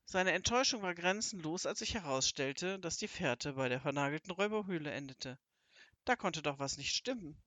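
An audiobook narrator reading a children's story in a lively, expressive way. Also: mid-range voice, brisk, dry recording. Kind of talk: scripted narration of a children's book.

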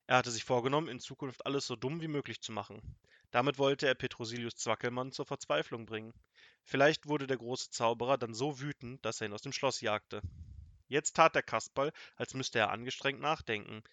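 A man's voice: medium pitch, a little fast, no echo. Man narrating a children's story. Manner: lively, expressive storytelling. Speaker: audiobook narrator.

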